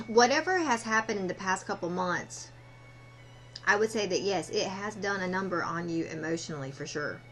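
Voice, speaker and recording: A woman fortune teller giving a casual card reading, speaking haltingly and directly to the listener. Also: medium pitch, a bit bright, soft background music, rough recording. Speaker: fortune teller, tarot and oracle card reader.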